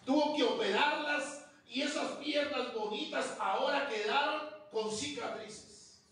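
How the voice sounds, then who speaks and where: A man preaching with a very high, ringing voice and emphatic, rhythmic delivery that stretches out key phrases. His voice comes from some distance from the mic and booms through a very reverberant church hall, with a faint hum of noise behind him. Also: a little slow, fairly bright tone. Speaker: pastor. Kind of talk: sermon. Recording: very echoey hall, voice far from mic.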